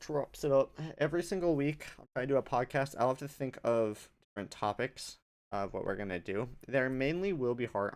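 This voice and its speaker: A man's voice: lowish voice, vocal fry. A young man hosting his own podcast alone, chatting casually and rambling off on tangents. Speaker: podcast host. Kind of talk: solo casual podcast chat.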